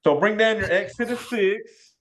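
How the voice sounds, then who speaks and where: A man's voice: high-pitched, normal speed, fairly bright tone. A man with a Southern US accent teaching algebra informally in a folksy way, working through problems step by step. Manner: folksy, says y'all often. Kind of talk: informal worked-example math lesson. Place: indoors, online video class. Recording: dull lo-fi online class audio.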